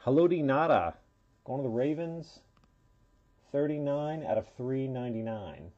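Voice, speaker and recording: A man's voice: mid-range voice, animated, moderate pace, mellow. A man hosting a live trading card break, casually calling out player names and serial numbers as he opens packs, in a dull lo-fi recording.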